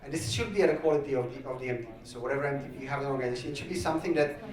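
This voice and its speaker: A man's voice: medium pitch, very fast, a crowd in the background. A man running a workshop. He gives instructions with many fillers and encourages the groups. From Czech Republic. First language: Czech. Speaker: workshop facilitator. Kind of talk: workshop facilitation. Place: large conference hall. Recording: echoey hall, speaker far from mic.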